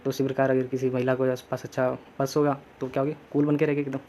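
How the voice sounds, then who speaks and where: A man's voice: mid-range voice, little pitch movement, fast, darkish tone, a little hiss or hum. A young man teaching English vocabulary in casual Hindi mixed with English, chatty and telling little stories as memory tricks.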